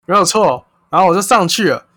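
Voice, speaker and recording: A man's voice: sits high, animated, fairly quick, bright, forceful tone. A man co-hosting a casual chat show, telling a story animatedly and acting out the people in it. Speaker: podcast co-host.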